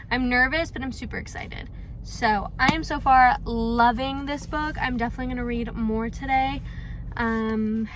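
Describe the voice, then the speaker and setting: A young woman in her twenties gushes through a casual reading vlog, full of fillers and excitement. Her voice sits a little high. A faint room hum sits under the recording. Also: poor audio. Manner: gushing, chatty, lots of fillers. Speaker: book vlogger.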